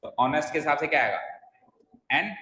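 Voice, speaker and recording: A man's voice: a little high, expressive, fairly quick, sharp tone. A man teaching an English grammar class, quizzing students by name and coaxing them to listen closely. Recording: echoey roomy sound.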